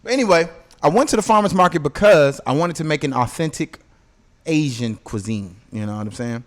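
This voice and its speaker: Slangy man with a higher voice, chatting. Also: animated, a little fast. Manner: slangy, profane, repeatedly checks with "you know what I'm saying". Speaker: podcast host. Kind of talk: casual podcast chat, telling anecdotes.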